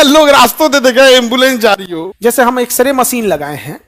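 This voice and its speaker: A man's voice: very high-pitched, brisk, fairly bright tone. A man with a Bihari Hindi accent giving an emphatic motivational speech to students, often asking the audience questions. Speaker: speaker addressing students.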